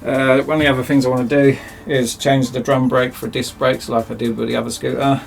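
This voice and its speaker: Chatty gravelly-voiced man in a workshop. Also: medium pitch, level tone, fairly quick, faint music behind. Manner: chatty, rambling, self-mocking. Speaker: DIY video host. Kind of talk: casual workshop chat. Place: cramped home workshop.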